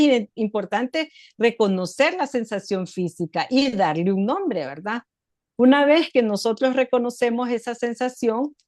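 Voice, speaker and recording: A woman's voice: a little high, a little mellow, no echo, clean studio sound. A middle-aged woman hosting a reflective talk, explaining ideas step by step and asking and answering her own questions. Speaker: host. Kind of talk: reflective talk on emotional growth.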